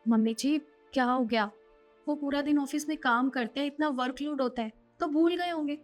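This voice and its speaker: A woman playing a soft-spoken daughter-in-law who tries to calm the family quarrel. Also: sits high, normal speed, soft background music, close to an everyday voice. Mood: placating. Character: gentle, meek young wife who keeps the peace. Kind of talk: short family drama acting.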